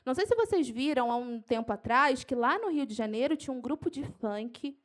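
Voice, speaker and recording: A woman evangelist teaching an evangelism training at church, animated and quick to get carried away, then slowing down to dictate Bible verses. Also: high voice. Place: church hall.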